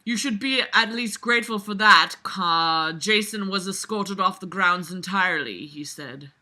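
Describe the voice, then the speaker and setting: A woman host reads a book aloud and critiques it, mixing casual commentary with mocking readings. Her medium-pitched voice is bright and forceful and a little slow, and she comes across sarcastic, blunt and exasperated, swearing freely.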